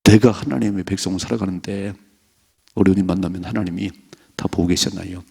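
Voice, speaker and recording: A man's voice: sits low, fairly even intonation, quick pace, vocal fry, a little mellow, breathy edge. A middle-aged male pastor preaching an early morning sermon, emphatic and acting out dialogue in a raised voice. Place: church sanctuary.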